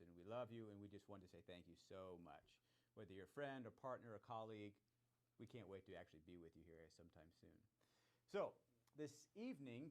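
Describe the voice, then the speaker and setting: A man's voice: mid-range voice, a little mellow. An enthusiastic man hosts a charity celebration, welcoming viewers in a conversational way. He builds his faith talk on repeated phrases and keeps an easy, mid-range voice.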